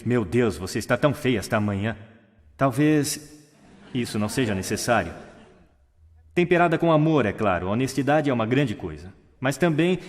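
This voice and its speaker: A man giving a stage talk in a large auditorium, acting out his examples by swinging his pitch and volume. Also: big-room sound.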